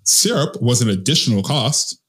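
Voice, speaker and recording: Animated swearing man telling a rant. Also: normal speed. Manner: animated storyteller, swears, swoops up in pitch at punchlines. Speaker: co-host of a film podcast. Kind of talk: casual chat.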